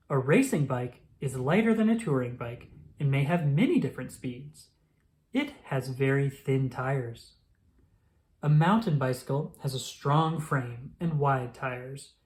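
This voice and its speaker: A narrator reads a children's picture book aloud, telling the story in a clear, carefully enunciated, teaching style. The voice sits in the middle range with a somewhat dark tone.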